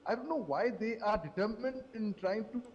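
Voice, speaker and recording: Animated high-voiced man on a remote feed. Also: a little fast, long reverb tail, highs cut off. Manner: animated, sarcastic, repeats phrases. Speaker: panelist. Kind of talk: live news panel commentary. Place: hotel event venue.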